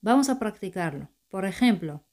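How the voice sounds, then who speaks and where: A woman teaching a language lesson, saying each phrase slowly and repeating it twice in a patient, clear way. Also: mid-range voice, lively intonation, darkish tone. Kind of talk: slow-paced language lesson.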